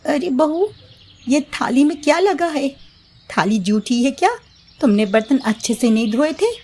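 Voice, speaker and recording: A woman's voice: sits high, lively intonation, unhurried, darkish tone, a little hiss or hum, voice pushed up. A woman voicing a fussy, watchful mother-in-law in a storybook, suspicious and particular about cleanliness. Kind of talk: storybook voice acting.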